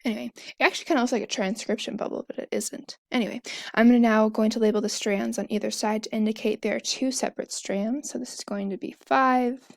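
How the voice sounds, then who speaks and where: A young woman explains in a loose, chatty way, stopping to fix her own wording as she goes. Her fairly high voice has a gravelly fry to it. The recording is dry and close, with no room sound. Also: steady tone, fast, no echo. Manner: chatty, self-correcting, fillers and asides. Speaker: student explaining a topic. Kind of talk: casual explanation while drawing on a whiteboard.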